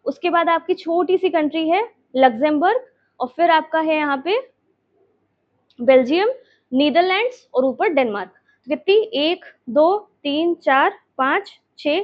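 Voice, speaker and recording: A woman's voice: sits high, muffled recording. A woman teacher explaining a map lesson, repeating names and checking in with her students.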